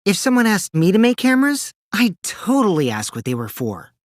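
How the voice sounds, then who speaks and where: Recorded very dry and close with no room sound, a high, boyish, light male voice plays a mischievous, gleefully deceitful teen trickster in animated video game dubbing. He taunts theatrically, swinging widely between sing-song teasing and cold deceit. With huge pitch swings at a moderate pace, he goes from mocking and playful to cool and sly.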